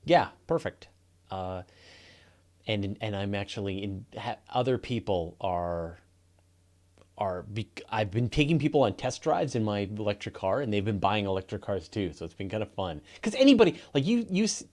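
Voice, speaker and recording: A man's voice: on the low side, big pitch swings, moderate pace, a little mellow. A Canadian man hosting a live podcast in casual, rambling chat, often laughing. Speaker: podcast host.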